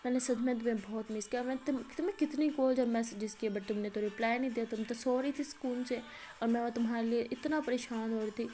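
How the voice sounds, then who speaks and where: A woman's voice: on the high side, fairly even intonation, warm tone, lightly acted. A woman voicing a playful, doting young woman who teases her girlfriend. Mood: teasing. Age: young adult. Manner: playful, doting, exclaims often.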